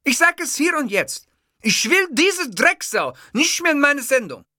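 A raging, vain male comedian who shrieks his insults in a cracking, very high voice and spits out curses. The voice jumps wildly up and down, bright and loud, recorded completely dry in an audiobook. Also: big pitch swings, takes it slowly, slightly rough, dry recording, full character voice. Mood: furious shouting. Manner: screaming insults, cursing. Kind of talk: audiobook reading.

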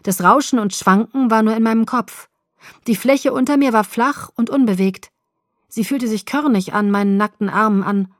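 A woman narrating an audiobook in an expressive, dramatic reading. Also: a little high, normal speed, dry recording, clean studio sound. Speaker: audiobook reader. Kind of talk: scripted narration.

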